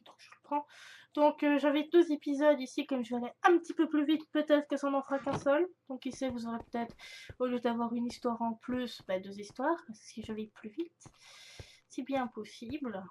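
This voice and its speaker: A woman's voice: high-pitched, a little fast, a little mellow, slight background noise. A young woman chatting casually through a gaming video, rambling with many fillers and restarts. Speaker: gaming youtuber. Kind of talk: casual let's-play commentary.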